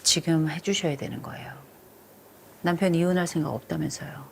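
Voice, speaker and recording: This marriage counselor, a middle-aged woman on a TV show, is stern and lecturing with a couple, hammering home her instructions again and again in a blunt session. Her voice is low and gravelly, fairly quick, with slight background noise.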